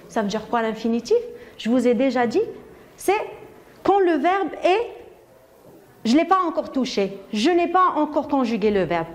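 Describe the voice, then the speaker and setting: A woman from Morocco with a Moroccan accent, teaching a primary grammar lesson, asking pupils questions and praising their answers. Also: sits high.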